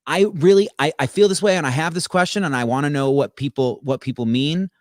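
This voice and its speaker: A man's voice: a little high, a little fast, dry recording, clean studio sound. A man in casual conversation, rambling with many restarts and stammers. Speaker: podcast co-host. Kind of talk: casual chat.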